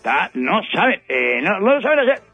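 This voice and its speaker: A man's voice: high-pitched, sing-song, normal speed, gravelly, sharp tone, husky, dry recording, faint music behind. A man with a Uruguayan accent giving satirical political commentary on the radio, ironic and rambling with playful asides. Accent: Uruguayan Spanish. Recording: dull lo-fi radio audio.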